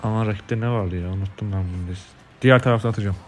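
A Turkish-accented man commentating his mobile game casually, cursing and yelling when frustrated. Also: on the low side, racing, soft background music. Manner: swearing, yells in frustration. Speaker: gaming streamer.

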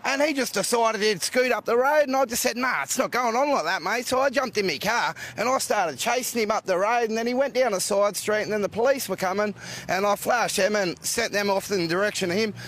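A man, a shop owner, telling a story with lots of quoted dialogue in a chatty, animated way. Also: high-pitched, fairly quick.

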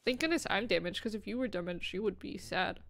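A young woman streaming a shooter game, chatting casually, swearing and getting excited about plays. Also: mid-range voice, fast talker. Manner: excitable, swears, laughs and gasps often. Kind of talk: casual gaming chat.

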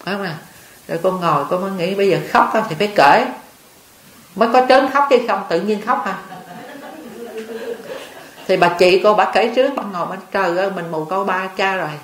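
Older nun, roomy hall. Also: female voice, medium pitch, a little fast, long pauses. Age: over 60. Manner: chatty storytelling, often checks that listeners understand. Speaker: Buddhist nun giving a dharma talk. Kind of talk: homely dharma talk. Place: monastery hall. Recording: roomy hall with faint ambience.

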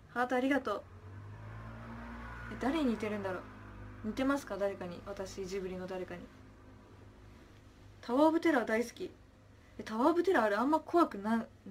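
A young woman with a slightly high voice chats casually on a livestream and reads out viewer comments. She chirps her thanks brightly, then lets her phrases trail off into soft, quiet murmurs. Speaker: idol livestreamer.

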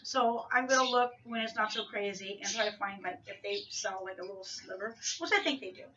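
A middle-aged woman films a casual grocery haul vlog in her small home kitchen, rambling chattily and often correcting herself mid-sentence. Her voice is medium-pitched, a little fast and sharp, and the camera mic a few feet away gives distant, dull lo-fi audio with slight hiss or hum.

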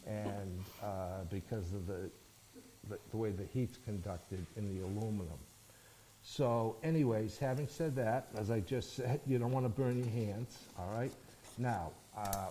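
A middle-aged male chef talks through a cooking demonstration in a warm, mellow voice. He explains each step patiently and keeps checking in with his audience. Faint noise and sizzling pans sit behind him. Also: fairly low pitch, low-quality recording. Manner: explanatory, checks in with "okay?" and "all right?". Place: studio kitchen set, indoors.

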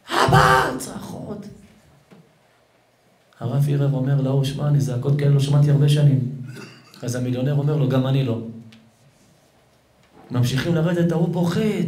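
A man's voice: a little high, dark tone. A man, a rabbi, giving a storytelling sermon with dramatic retellings. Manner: dramatic storyteller, acts out voices of characters. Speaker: rabbi giving an ethics lecture. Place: live broadcast venue abroad. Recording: roomy hall echo.

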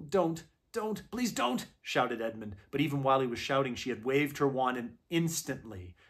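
A man reading a children's novel aloud in an unhurried, gentle storytelling voice. His pitch sits in an ordinary middle range, and the measured pace keeps the scenes easy to follow. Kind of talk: unhurried read-aloud narration.

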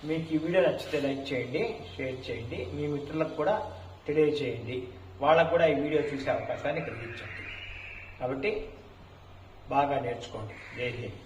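A man teaching a step-by-step English grammar lesson, slowing down to dictate example sentences word by word. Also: medium pitch. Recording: echoey room with faint hiss.

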